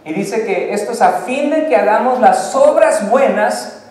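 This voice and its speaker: A man, preaching a lively sermon straight to his congregation. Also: very high voice, unhurried, slight background noise. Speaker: pastor. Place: church sanctuary. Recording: echoey church hall from a far-off mic.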